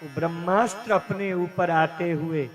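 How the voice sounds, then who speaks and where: A male preacher telling a devotional scripture story at a live religious gathering, with dramatic, emotive delivery and long pauses. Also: high-pitched. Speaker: katha preacher. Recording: long hall reverb with faint instrumental music.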